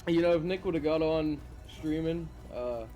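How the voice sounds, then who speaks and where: A man's voice: fairly high pitch, unhurried, mellow, faint music behind. A man co-hosting a gaming stream, making dry, teasing jokes in casual chat. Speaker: co-host.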